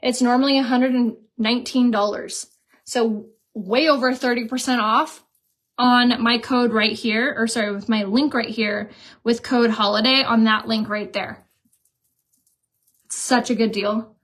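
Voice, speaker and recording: A woman's voice: on the high side, fairly even intonation, measured pace, fairly bright tone. A young woman hosting a live stream, chatting casually and giggling while she sells makeup.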